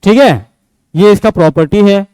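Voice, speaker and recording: Male teacher, high resonant voice, dry close sound, questions the class as he explains. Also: moderate pace, smooth, no echo, low-quality recording. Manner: asks and answers his own questions; switches between loud and soft speech. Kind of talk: classroom physics lecture.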